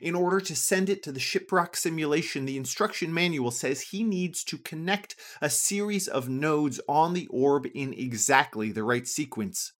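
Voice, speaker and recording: A storyteller reading a scripted adventure story for children, with an expressive, lively delivery. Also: normal speed, few pauses. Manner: lively, expressive reading with a wide pitch range.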